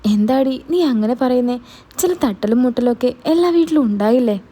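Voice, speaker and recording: A woman voicing a husband abroad who argues defensively and tries to calm his wife in a storybook tale. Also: on the high side, moderate pace, breathy edge. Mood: placating.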